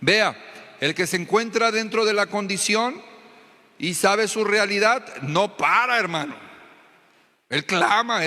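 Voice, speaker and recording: A Mexican pastor delivers a fervent sermon, often turning to the congregation with questions. His voice sits high and sounds sharp and bright. The long echo of a church hall rings around it.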